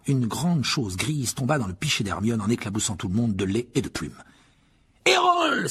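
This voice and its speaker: Gravelly, husky male audiobook narrator. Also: medium pitch. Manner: expressive storytelling reading. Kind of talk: scripted narration.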